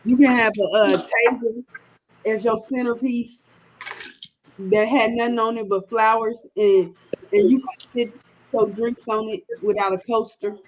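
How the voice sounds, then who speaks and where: A woman's voice: a little high, fairly even intonation, unhurried, slight background noise, poor audio. A woman in her thirties chatting casually on a sports show, ranting with emphatic repetition. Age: 30s.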